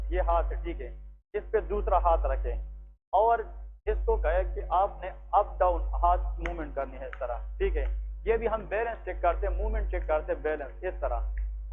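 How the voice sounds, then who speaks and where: A man teaching a medical class, explaining an examination step by step and often checking that students follow. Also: high voice. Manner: explanatory, asks the class frequent check questions. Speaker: medical lecturer. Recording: tinny phone-like recording with faint music.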